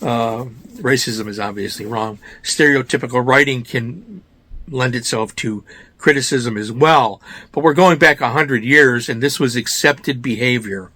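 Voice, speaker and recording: An American man with a raspy voice, slightly hoarse from a cold, giving informal book commentary as a host in an emphatic way, often asking and answering his own questions. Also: mid-range voice, unhurried, sharp tone. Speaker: host of a book review show.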